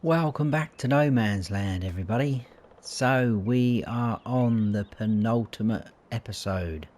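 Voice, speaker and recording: A man's voice: mid-range voice, a little slow. A man hosting a farming game series, talking casually and thinking aloud as he plays. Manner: chatty, thinks aloud, changes mind mid-sentence. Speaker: gaming channel host. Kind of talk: casual gameplay commentary.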